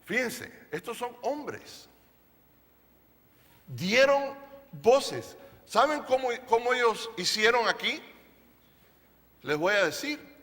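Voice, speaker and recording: A man's voice: very high-pitched, expressive, unhurried, bright, forceful tone, big-room sound. A male pastor preaching a sermon to a congregation, emphatic and playful, often asking them questions. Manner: playful, jokes with the audience. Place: church service.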